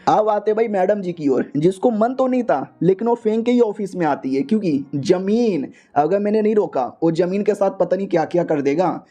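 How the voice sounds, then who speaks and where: A man's voice: high voice, lively intonation, normal speed, few pauses, warm tone. A man narrating an anime recap in a chatty, slangy storytelling style, voicing every character himself.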